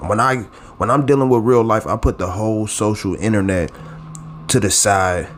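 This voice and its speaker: There's a little hiss or hum behind this lowish, slightly bright voice moving at a moderate pace. It belongs to a YouTube blogger and channel host in his late thirties, chatting casually and at length straight to camera, rambling with many restarts and asides.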